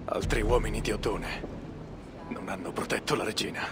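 A man's voice: lowish voice, normal speed, lightly acted. A man playing a composed Viking warrior on a search in a video game dub. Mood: focused, pensive. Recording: clear background noise from game ambience.

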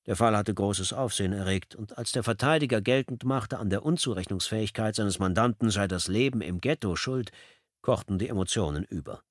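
A man narrating a first-person audiobook in a calm, measured reading. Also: lowish voice, no echo, studio quality.

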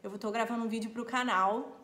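Vlogger, woman, 20s, bright tone, giggles through her chat. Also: on the high side, brisk. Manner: giggly, laughs often, animated. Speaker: bride and vlogger. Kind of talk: casual vlog chat.

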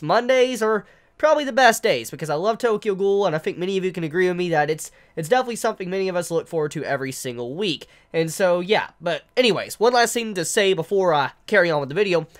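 Sitting indoors in his living room by the couch, a high-voiced man in his twenties reviews a manga chapter to camera while congested with the flu. He rambles and stammers as he tries to pronounce invented words.

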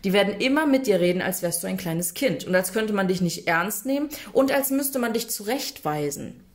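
A woman speaking straight to her viewers as a coach, informal and emphatic. She talks in a loose, conversational flow and keeps checking in with a quick questioning tag. Her pitch sits in a middle range for a woman. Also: animated. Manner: chatty and emphatic, often adds a questioning "ne?"; addresses viewers directly and informally. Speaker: coach for people affected by narcissistic abuse. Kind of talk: casual direct-to-camera advice talk.

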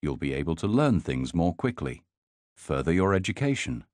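A man reading a guided sleep hypnosis in a slow, soothing, measured way. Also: deep voice, big pitch swings, a little mellow, no echo.

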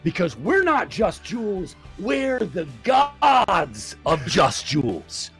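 A man playing a bombastic sports coach who shouts an emphatic motivational speech to his team. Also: medium pitch, very animated, measured pace, soft background music, voice pushed down. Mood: fired up. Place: indoors at home, on a group video call. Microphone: headset.

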